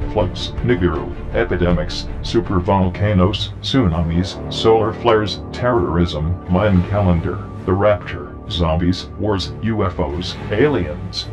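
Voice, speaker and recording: A man speaking through a disguised, artificially deepened voice, reading a scripted anonymous message in a solemn, deliberate way. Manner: solemn, deliberate, numbered warnings.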